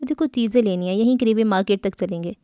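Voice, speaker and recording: Female reader voicing a teasing, coaxing young woman; warm and dry. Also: mid-range voice, smooth, dry recording, lightly acted. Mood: cheerful. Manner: playful, coaxing.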